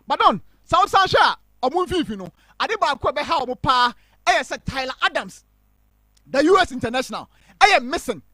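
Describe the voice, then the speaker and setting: A man giving animated football commentary on a live stream, mixing English and Twi. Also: very high-pitched, brisk, no echo. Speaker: football pundit.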